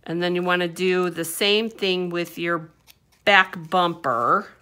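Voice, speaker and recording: A woman's voice: fairly low pitch, slow pace, bright, forceful tone. A woman teaching a papercraft project at her desk, chatting casually through each step with fillers and little hums. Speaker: papercraft instructor. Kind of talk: hands-on craft tutorial. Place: indoor craft table.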